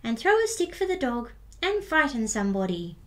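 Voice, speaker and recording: An eager little skeleton boy from a children's storybook, acted out by a woman. The voice jumps up high and bright with childlike excitement, swinging playfully through each phrase. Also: normal speed. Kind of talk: children's picture book read-aloud.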